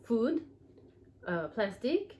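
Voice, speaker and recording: A young woman from Norway hosting her channel, chatting casually and jumping up in pitch when she stresses a point. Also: big pitch swings, extremely slow, a little mellow, low-quality recording. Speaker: vlog host. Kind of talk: casual chat.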